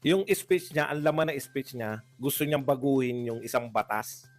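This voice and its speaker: A Filipino man in a casual political reaction chat, speaking at an ordinary middle pitch with faint music underneath. He talks in a loose, chatty way, breaks into laughter often and slips into mocking impressions. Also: moderate pace. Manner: chatty, laughs often, mocks with put-on quotes. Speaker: political commentary co-host.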